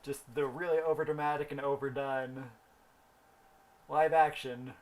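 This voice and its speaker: In relaxed gameplay commentary, a young male host rambles through a story and muses aloud about the game in front of him. He has a medium-pitched, darkish voice with fairly even intonation and an unhurried delivery.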